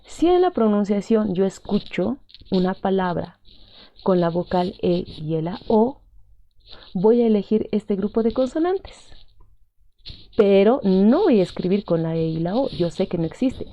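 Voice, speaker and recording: Speaking with a Peruvian Spanish accent, this language teacher has a medium-pitched, animated voice and a slightly slow pace. She takes students through the lesson step by step, patiently repeating points and checking in often. The audio sounds dull and lo-fi.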